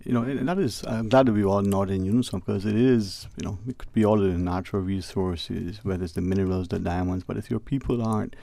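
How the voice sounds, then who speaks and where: A man with a lowish voice hosts a radio talk show, chatting casually and rambling with guests in the studio. He talks fast with vocal fry and few pauses, restarting phrases amid warm banter in a casual interview chat.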